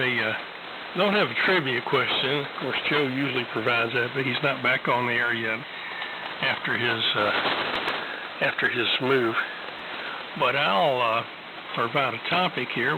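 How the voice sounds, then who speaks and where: Man hosting a ham radio net through heavy static. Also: mid-range voice. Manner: halting, unhurried. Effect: ham radio transmission. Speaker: amateur radio net host. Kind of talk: radio net check-in procedure.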